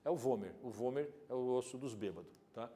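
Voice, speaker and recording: A man teaching an anatomy video lesson, lively and joking, speaking straight to the student and swinging between loud and soft. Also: mid-range voice, fairly quick. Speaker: exam prep teacher.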